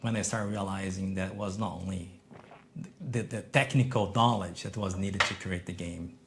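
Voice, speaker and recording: A middle-aged man from Brazil, a podcast guest talking about his entrepreneurial past in halting, with frequent restarts. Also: low-pitched, noisy background. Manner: non-native English, halting restarts, lively emphasis. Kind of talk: conversational interview.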